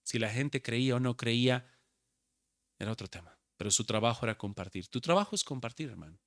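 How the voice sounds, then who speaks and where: A man's voice: medium pitch, animated, brisk, no room sound, studio quality. A man preaching a sermon as pastor, urging his listeners and calling each one brother. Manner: exhorting, addresses listeners as brother.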